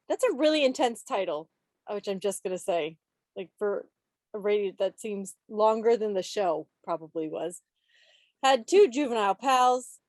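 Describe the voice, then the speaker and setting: At a club meeting held over video call, a woman hosts a trivia quiz, playful and teasing with mock-dramatic asides. Her voice is a little high with a darkish tone, and there's no room sound.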